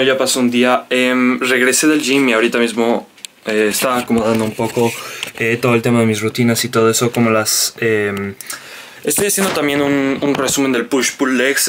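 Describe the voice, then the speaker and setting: A man's voice: medium pitch, fairly bright tone, a little hiss or hum. A young man talking casually to his camera in a vlog, rambling and chatty with many asides and fillers. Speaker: vlogger.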